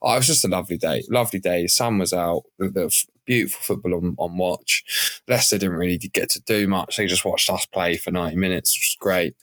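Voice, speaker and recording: A man, hoarse and a little croaky, chatting excitedly as a podcast co-host. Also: sits low, fairly quick, no echo. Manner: excited, enthusiastic. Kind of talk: casual podcast chat.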